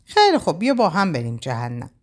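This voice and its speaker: A woman reading a novel aloud, voicing a caring young man who talks softly and coaxingly. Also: deep voice, huge pitch swings, full character voice. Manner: soothing, gently coaxing. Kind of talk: audiobook character voice.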